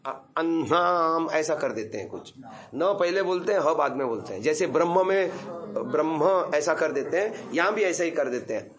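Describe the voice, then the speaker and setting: A man teaching Sanskrit mantra pronunciation at a yoga camp, chanting lines slowly and breaking off for quick corrections. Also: a little high, animated, crowd noise. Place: yoga camp session with a group.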